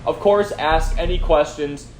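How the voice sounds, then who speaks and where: A man hosts a casual gaming live stream, chatting with viewers and responding to their comments as he plays. He wears no headphones, so audio comes through the device, the room sounds echoey, and there is slight background noise. His voice is a little high and unhurried.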